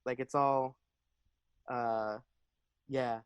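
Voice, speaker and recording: A man's voice: mid-range voice, steady tone, very slow, smooth, no echo, lo-fi sound. A man co-hosting a podcast over a video call, rambling easily through album titles from his collection. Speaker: podcast co-host. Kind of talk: casual chat about vinyl records.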